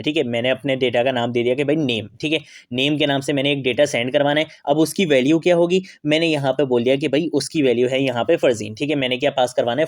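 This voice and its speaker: A programming tutor walks through a screen-recorded coding lesson step by step, asking and answering his own questions and checking in often with a repeated "theek hai." His voice is a little high and a little mellow. The recording is dry, with clean studio sound.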